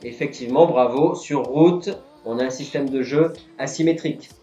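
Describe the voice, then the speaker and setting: A man's voice: medium pitch, normal speed, mellow. A man hosting a live-streamed board game quiz, reading the questions and patiently explaining each answer. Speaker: quiz host. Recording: roomy, dull lo-fi sound, faint music.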